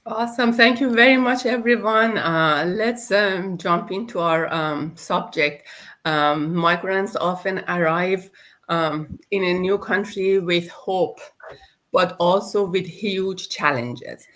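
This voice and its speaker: A middle-aged woman hosts a live online talk over a video call. She speaks very slowly with a slightly low voice and fills her sentences with ums and uhs. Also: a bit bright. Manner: slow, with many ums and uhs. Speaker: host.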